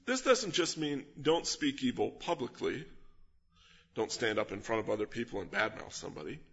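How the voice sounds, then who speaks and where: A pastor's expository sermon comes through a slightly dull, lo-fi recording, his husky, somewhat breathy voice mid-range, a bit bright, and sing-song. At a moderate pace he teaches earnestly, leaning on key words and asking his listeners rhetorical questions.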